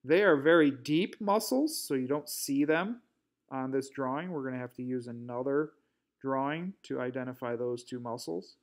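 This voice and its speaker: A man with a mid-range voice speaks at a moderate pace, narrating a recorded anatomy lecture over drawings. As the instructor, he works through the material step by step, with some fillers and restarts.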